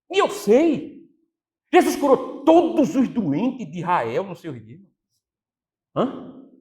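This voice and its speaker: A high-pitched man preaches a sermon as pastor, animated throughout, acting out quotes and posing questions to the congregation.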